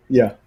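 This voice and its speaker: A man's voice: a little high, a little mellow, breathy edge. A man on a podcast panel, talking indignantly in rhetorical questions and swearing now and then. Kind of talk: casual podcast chat.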